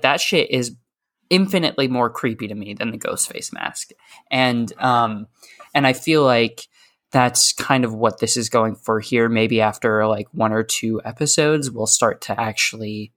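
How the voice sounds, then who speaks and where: A man's voice: medium pitch, measured pace, fairly bright tone. A man co-hosting a podcast in casual chat, easygoing and rambling, full of fillers and hedges.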